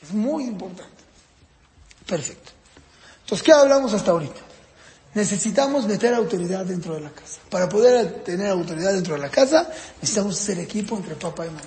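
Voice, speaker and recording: A man teaching a parenting course in a casual, lively lecture style. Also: fairly quick, roomy sound, long reverb tail. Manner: lively, jumps up and down in pitch acting out parents and kids.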